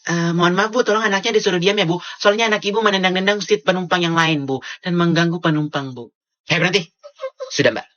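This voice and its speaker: A woman's voice: fairly low pitch, fast talker, fairly bright tone, lo-fi sound. A woman performing a one-person comedy skit, switching between many bickering characters.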